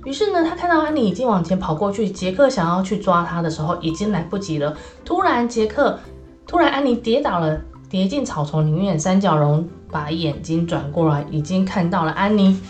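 A woman reading a children's story aloud, lively and animated, with many little fillers. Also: lowish voice, a little fast. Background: soft background music.

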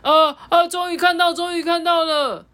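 A woman playing an excitable sweet potato boy. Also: extremely high pitch, voice pushed up. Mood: excited, tearful. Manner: loud, exclaiming, drawn-out cries.

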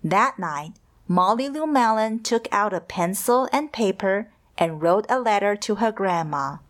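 A woman reads a picture book aloud at an unhurried pace. Her voice rises and falls freely, and her manner is gentle and expressive, as if for young listeners. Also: mid-range voice. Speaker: storyteller.

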